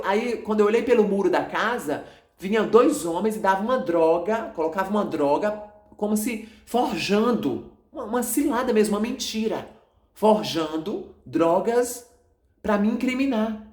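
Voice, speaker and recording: In a high-pitched voice echoing around the room, a Brazilian Portuguese-accented man who runs an evangelical channel recounts a dream to his followers. He tells it in an agitated, halting, repetitive manner.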